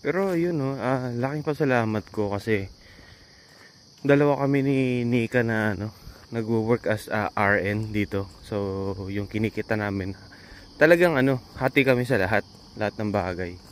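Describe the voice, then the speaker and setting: A man from the Philippines, a registered nurse and vlogger, chatting casually to his viewers and often pausing to search for words. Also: lowish voice, a little hiss or hum. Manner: rambling, searches for words aloud.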